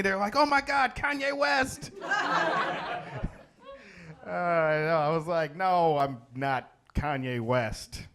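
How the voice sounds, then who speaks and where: A man's voice: a little high, a bit bright, a little hiss or hum. A man hosting a comedy show, emceeing casually in a loose, conversational way and often repeating his phrases.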